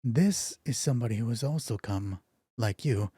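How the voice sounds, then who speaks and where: A man's voice: mid-range voice, animated, moderate pace, dark tone, slightly rough, dry recording, clean studio sound. A man playing an eager, formal town captain. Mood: welcoming. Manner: overly formal, stumbling welcome.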